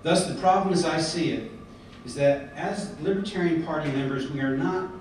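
A middle-aged American man delivers an earnest, prepared convention speech at a podium, with plenty of "uhs" and restarts. His voice sits a little high at a moderate pace. The large indoor hotel hall echoes with steady background noise, as heard through the podium mic from a distant camera.

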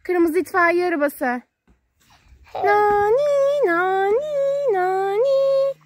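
Speaking extremely slowly in an extremely high, animated voice with no echo, a kids'-channel parent narrates toy play for her small child outdoors by a sand and gravel pile. Her playful lines are simple, repeated, and sing-song, with lots of questions.

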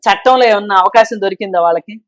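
A woman speaks as a talk-show guest, pressing her argument and firing off rhetorical questions. Her voice sits at an average pitch. It is recorded dry and close, with almost no room sound. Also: racing, no room sound. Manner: emphatic, argues with rhetorical questions. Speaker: social commentator guest. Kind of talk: opinionated talk-show discussion.

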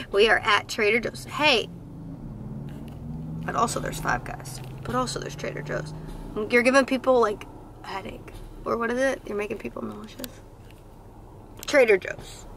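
A chatty young woman talks straight into a camera she holds at arm's length, catching her audience up on her week. Her voice sits a little high, and she keeps things light with quick asides. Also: bright, forceful tone, a little hiss or hum. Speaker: vlogger. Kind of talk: casual vlog chat to camera. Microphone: phone or camera held at arm's length.

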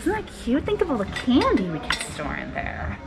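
A woman's voice: high voice, wildly swooping pitch, a little fast. A woman shopping in an antique mall, cheerfully chatting about cute things she likes. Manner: cheerful, gushing over cute finds. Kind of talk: casual chat. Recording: loud music over the voice. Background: loud background music.

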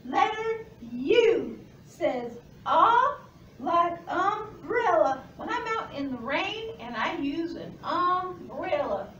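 Lady doing a squeaky little puppet boy, super high and slow, eager and polite, kids lesson, echoey classroom. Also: expressive, highs cut off, full character voice. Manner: bright, exaggerated childlike delivery. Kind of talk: children's puppet lesson role-play. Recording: roomy, noisy, distant camera mic.

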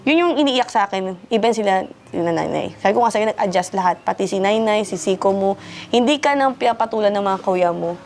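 A woman's voice: mid-range voice, expressive, fairly quick, a little mellow, slight background noise. A woman speaking as a parent figure, scolding and asking pointed questions in a stern lecture. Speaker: parent figure counseling a youth.

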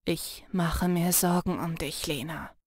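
Woman voicing a low, earnest young shapeshifter man. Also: a little slow, dry recording, clean studio sound, close to an everyday voice. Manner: low, earnest and urging, soft when teasing. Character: intense protective young male shapeshifter. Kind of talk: audiobook character voice.

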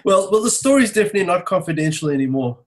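A man's voice: sits high, animated, rapid-fire, rough recording. A man in his forties with a South African Johannesburg English accent, telling stories as a guest in a casual podcast chat. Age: 40s. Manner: chatty storyteller, laughs easily. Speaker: guest music producer.

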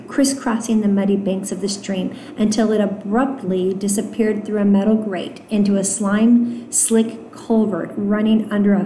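A woman teacher reading a novel aloud to her students, stopping for gentle explanatory asides with fillers. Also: mid-range voice, a little hiss or hum. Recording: roomy echo.

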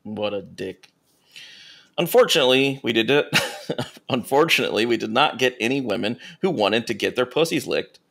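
A man co-hosting a comedy podcast, reading erotica aloud with deadpan asides and casual chat. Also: mid-range voice, moderate pace, vocal fry. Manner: deadpan asides between read passages. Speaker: podcast co-host reading stories.

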